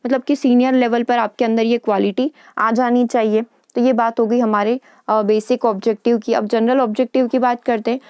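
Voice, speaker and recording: A woman teacher lecturing in Hindi on English teaching, reading English lines slowly and checking in with her listeners. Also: on the high side, darkish tone, clear, resonant tone, dry recording. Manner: explains in Hindi with English terms and quick check-ins.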